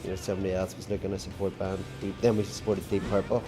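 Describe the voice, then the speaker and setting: A Northern Irish man talks loosely in an interview, rambling through stories with plenty of "you know"s. His voice sits very low. Loud music plays clearly behind him. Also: little pitch movement, fast. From Northern Ireland. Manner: chatty storytelling with fillers. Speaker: rock band drummer. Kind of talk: casual interview chat.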